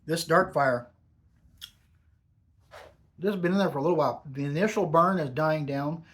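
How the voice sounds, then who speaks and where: A man's voice: a little high, normal speed, a bit bright. A man giving a casual, off-the-cuff product review with a lip full of dip pouches, savouring and stressing his words as he goes.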